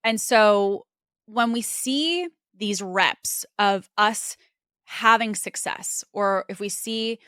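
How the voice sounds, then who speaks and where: Taking her time, a woman with a medium-pitched, fairly bright and smooth voice hosts a podcast. She offers an earnest, reflective monologue in a casual conversational flow, often saying "like" and "you know," with clean studio sound and no room noise.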